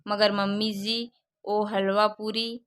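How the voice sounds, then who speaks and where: A worried young newlywed bride speaks in a storybook tale, put on by a woman reading it. Her voice is bright and clear, her delivery slow and even. She frets over every small thing. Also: mid-range voice. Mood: nervous. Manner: fretful, worried.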